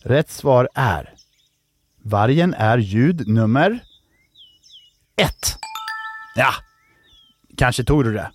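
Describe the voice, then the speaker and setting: A man's voice: medium pitch, lively intonation, breathy edge, no room sound. A man hosting a children's podcast, telling jokes and reading out riddles in a playful way, stretching out the questions. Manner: jokey, drawn-out riddle reading.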